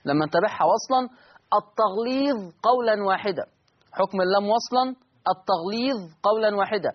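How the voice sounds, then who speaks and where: A man with an Egyptian accent hosting a recitation lesson, explaining patiently and slowing down to intone the example words. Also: high-pitched, expressive, highs cut off. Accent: Egyptian Arabic. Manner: explanatory, repeats key phrases, slows to intone example words. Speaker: Quran recitation teacher and host. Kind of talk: recorded online lesson.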